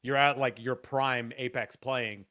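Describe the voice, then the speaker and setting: On a casual podcast, a guest musician from Canada speaks in a gravelly, low register. His delivery is lively and full of swearing, arriving in fast, eager bursts.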